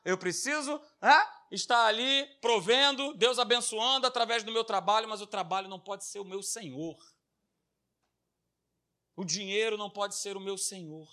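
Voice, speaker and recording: Impassioned pastor preaching. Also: male voice, sits high, sharp tone. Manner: impassioned, addresses the congregation as "dear ones". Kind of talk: sermon.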